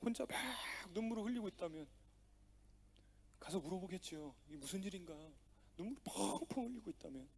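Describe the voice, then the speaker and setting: Male pastor, high voice, lively swooping pitch, emphatic storytelling sermon. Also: fairly quick, gravelly, breathy edge. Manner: storytelling with acted-out dialogue, emphatic and expressive. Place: church sanctuary.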